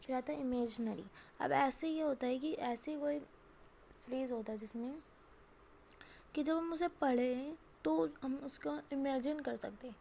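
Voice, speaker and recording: High-voiced woman teaching a class. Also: vocal fry, mellow, a little hiss or hum. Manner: asks and answers her own questions, reads examples slowly. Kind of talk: classroom lesson.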